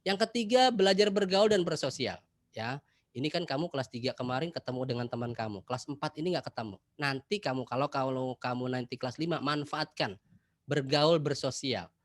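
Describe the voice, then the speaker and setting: A man giving an online class talk to schoolchildren, lively and addressing them directly over a video call. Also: mid-range voice, a little fast, no echo, clean studio sound. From Jakarta. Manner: lively, addresses children directly, acts out examples. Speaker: presenter for schoolchildren.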